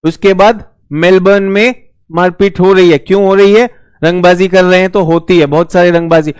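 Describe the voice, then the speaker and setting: A man teaching a lively, joking exam-prep lesson, now and then slipping into brief mock voices. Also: sits high, moderate pace, smooth, no echo, studio quality.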